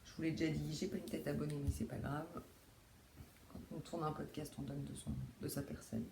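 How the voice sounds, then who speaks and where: Low-pitched and gravelly, a woman talks briskly in a steady tone amid very heavy noise. The young host of a knitting video podcast, she chats casually from a home room with a window, with lots of fillers, restarts and self-deprecating asides.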